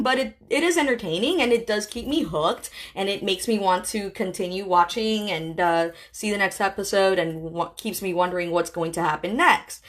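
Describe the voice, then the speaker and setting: A woman in her thirties talking casually and encouragingly to a live-stream audience, chatty and full of fillers. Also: medium pitch. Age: 30s. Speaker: host.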